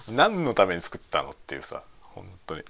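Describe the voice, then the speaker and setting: A man's voice: low-pitched, gravelly, fairly bright tone. A man chatting casually and venting in a blunt, grumbling way, often breaking into chuckles. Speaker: streamer chatting on a lunch break. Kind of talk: casual chat, venting about work.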